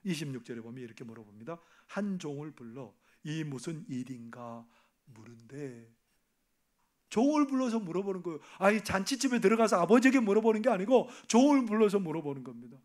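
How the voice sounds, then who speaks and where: A man preaching a sermon on a parable, asking the congregation questions and acting out the characters' lines, dropping at times to a hushed near-whisper. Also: sits high, lively intonation, quick pace. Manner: asks the congregation questions and acts out the parable's voices; swings from loud emphasis to hushed, near-whispered asides.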